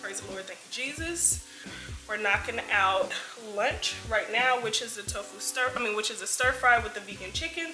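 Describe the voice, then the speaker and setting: A woman's voice: medium pitch, normal speed, sharp tone. A young woman in her twenties chatting casually to viewers while she cooks in her home kitchen, calling them y'all. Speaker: cooking vlogger. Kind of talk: casual cooking vlog chat. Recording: music bed under voice. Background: music and frying sizzle.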